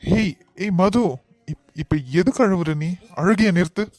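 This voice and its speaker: A man's voice: sits high, moderate pace, dry recording, lightly acted. Man voicing Mano, exasperated married young man. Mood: coaxing. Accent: Kanyakumari Tamil. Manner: firm, exasperated, then coaxing. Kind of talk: cartoon voice acting.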